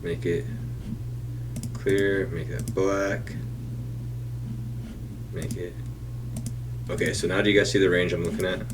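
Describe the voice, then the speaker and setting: A man reviewing his trades over a chart, thinking aloud in a casual walkthrough with restarts and the odd throat clearing. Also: low-pitched, flat delivery, slow pace, long pauses, noisy background. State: has the hiccups.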